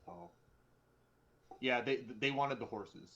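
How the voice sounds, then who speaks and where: A man playing a tabletop role-playing game, improvising his character casually and haltingly, often repeating words. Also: medium pitch, lively intonation, creaky, fairly bright tone, lo-fi sound.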